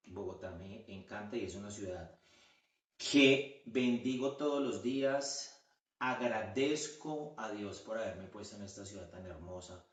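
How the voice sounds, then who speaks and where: Colombian man, podcast guest, lowish voice, rambling with fillers, slightly off-mic in an echoey room. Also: distant mic. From Colombia, Quindío region. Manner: chatty, with many fillers and restarts. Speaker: guest, orthodontist. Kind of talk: casual interview chat.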